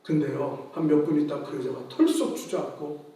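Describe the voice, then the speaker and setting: A man with a high voice preaches with great animation, breaking into shouts and acting out the voices in his story. He sounds distant from the microphone, and his voice rings through a very echoey sanctuary. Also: normal speed. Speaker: pastor. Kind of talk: sermon. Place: large church sanctuary. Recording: very echoey hall, voice from afar.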